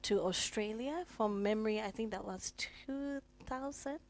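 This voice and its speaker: A woman's voice: medium pitch, a little slow. A woman from Zimbabwe, a guest artist, answering interview questions conversationally with many filler phrases. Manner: conversational, with frequent you know fillers.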